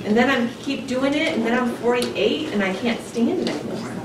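A woman's voice: fairly high pitch, lively intonation, fairly quick. A woman giving a conversational classroom lecture, often asking the class "right?". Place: large darkened lecture room. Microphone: distant camera in the audience. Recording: echoey room, voice from far off, noisy.

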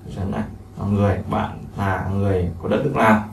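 A man's voice: lowish voice, fairly even intonation, quick pace, gravelly. A man, teaching a language lesson and explaining each phrase over and over with many fillers. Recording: echoey room, mic at a distance, faint noise.

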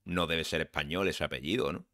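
A man's voice: a bass voice, brisk, pushed and bright, no room sound, clean studio sound. A man with an accent from Spain chatting casually and making wry asides while he reacts to a comedy show as a streamer. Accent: Spain Spanish.

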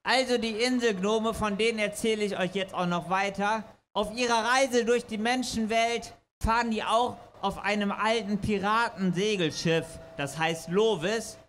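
A man's voice: high voice, steady tone, normal speed, few pauses, fairly bright tone, a little hiss or hum. A man from Berlin chatting hesitantly between songs at a live outdoor concert, with frequent filler sounds. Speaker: singer-songwriter performing live. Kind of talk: stage patter between songs. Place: outdoor stage under a bridge at a street festival. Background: accordion music.

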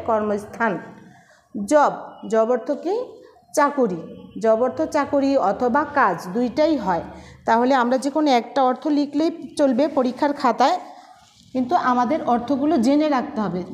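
Woman teacher from Bangladesh, high voice, patient, explains word by word for young pupils. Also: a little mellow. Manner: slow, patient, spells words out letter by letter. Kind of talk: recorded online class lesson.

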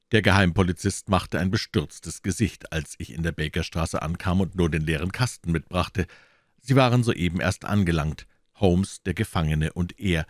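A man narrating a classic detective novel as an audiobook in a measured, storytelling manner. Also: sits low, no room sound, studio quality. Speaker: audiobook reader.

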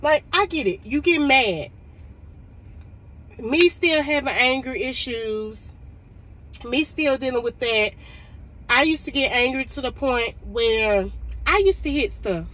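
A woman's voice: high-pitched, lively intonation, slow pace, long pauses, a bit bright. A young woman vlogging from her car as a mother, chatting casually with lots of "like" fillers. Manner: rambling, full of "like" fillers, venting. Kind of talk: casual chat to camera. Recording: noisy street background.

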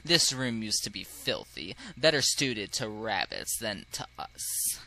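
A man voicing a haughty, snobbish noble male pigeon, speaking in a slow and lofty manner. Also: fairly low pitch, very animated, gravelly, bright, forceful tone, pitched below the performer's own voice, heavily acted, rough recording.

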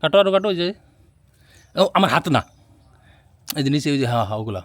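A young father, talking gently and patiently to his child in a casual family vlog, recorded on a handheld phone in an outdoor rooftop garden. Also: fairly high pitch, expressive, fairly quick, no room sound. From Bangladesh. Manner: gentle, coaxing, patiently instructive. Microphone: handheld phone camera.

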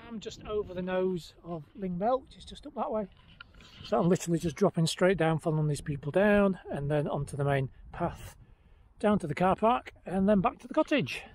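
High-pitched man talking while running. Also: lively intonation, brisk, darkish tone. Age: middle-aged. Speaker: trail running vlogger. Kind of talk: casual vlog narration to camera. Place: outdoors on an open mountainside. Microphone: handheld action camera at arm's length. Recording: noisy outdoor handheld camera recording.

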